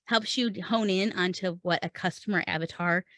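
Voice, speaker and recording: A woman with a fairly low but fairly bright voice speaks at a moderate pace as a podcast host and writing coach, teaching conversationally and step by step while posing and answering her own questions. The clean studio recording has no room sound.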